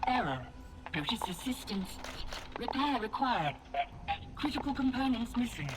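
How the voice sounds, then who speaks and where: An actress voicing a malfunctioning security construct robot in a video game, speaking in clipped, glitching fragments. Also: female voice, fairly high pitch, very animated, measured pace, background noise. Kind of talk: video game character dialogue.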